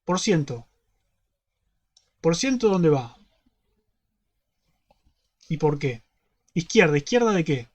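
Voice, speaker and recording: Rioplatense male teaching assistant, high voice, methodical step-by-step explainer who keeps checking in. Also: very animated, slow pace, long pauses, darkish tone. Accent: Rioplatense Spanish. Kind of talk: online class explanation.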